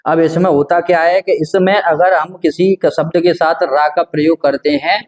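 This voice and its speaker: A man's voice: fairly high pitch, steady tone, normal speed. A man teaching a grammar lesson, patient and repetitive, asking himself questions and answering them. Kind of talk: grammar lesson explaining at a board.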